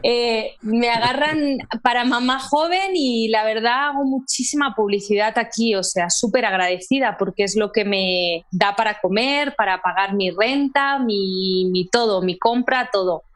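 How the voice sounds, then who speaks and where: A woman's voice: on the high side, measured pace. Chatty Spanish woman with a Barcelona accent. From Catalonia, Spain. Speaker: actress, guest. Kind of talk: casual interview chat. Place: home room, indoors. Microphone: earphone headset on a video call.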